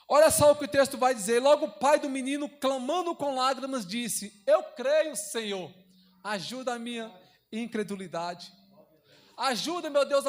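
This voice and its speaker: A young man preaching a sermon as a deacon in a church, fervent and repetitive, swinging between loud passages and hushed ones. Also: extremely high pitch.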